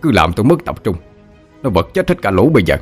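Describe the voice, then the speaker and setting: A man voicing a stern male exorcist near sixty, gruff and commanding. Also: on the low side, big pitch swings, fast talker, a little mellow, faint music behind.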